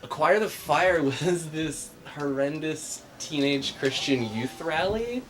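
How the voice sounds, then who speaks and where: A man's voice: on the high side, animated, takes it slowly, a little hiss or hum. A man in his thirties hosting a live game stream in casual chat, joking, laughing often and muttering to himself while he plays. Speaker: host.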